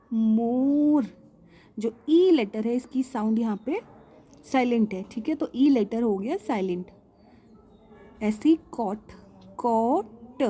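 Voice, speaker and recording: A woman with an Indian English accent teaching a children's English lesson, patiently asking and answering her own questions and repeating words slowly. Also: a little high, mellow, slightly rough. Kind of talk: explaining a primary English lesson.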